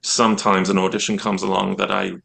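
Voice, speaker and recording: Gravelly-voiced British man, chatty. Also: sits low, brisk. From Britain. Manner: chatty, animated, acts out quoted reactions. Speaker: actor guest. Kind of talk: casual interview chat.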